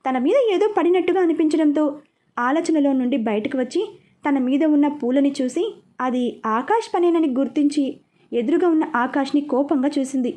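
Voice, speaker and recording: A woman narrating a serialized romance story with a steady, expressive reading. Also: high-pitched, moderate pace.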